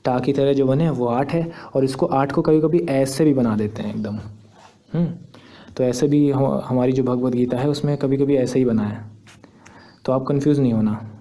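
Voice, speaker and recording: Patient young man, mellow voice. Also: medium pitch, moderate pace. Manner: patient, step-by-step, repeats points. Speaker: teacher. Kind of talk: explaining on a screen tutorial.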